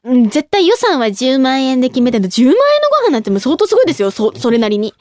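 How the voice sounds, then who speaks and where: Bubbly high-voiced young woman host. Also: fast. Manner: bubbly, giggly, animated. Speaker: idol radio host. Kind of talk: casual radio talk reading listener mail.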